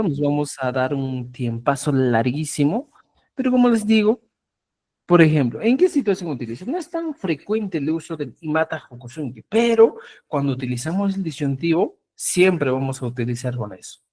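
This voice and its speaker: A language teacher giving a class, repeating example phrases slowly and checking understanding with frequent "¿ya?". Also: mid-range voice, dark tone. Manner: spells out example phrases syllable by syllable. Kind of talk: online class lecture.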